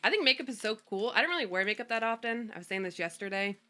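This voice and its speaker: A woman streamer chats casually into a desk mic at home. Her voice is bright and swings widely in pitch, and she giggles often between filler-heavy sentences. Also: lively intonation, racing. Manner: chatty, giggly, lots of fillers. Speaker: streamer host. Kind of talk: casual chat.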